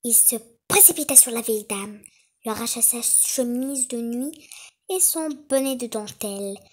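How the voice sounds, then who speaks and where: A woman narrating a children's fairy tale in an expressive, dramatic storytelling manner. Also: fairly high pitch, normal speed.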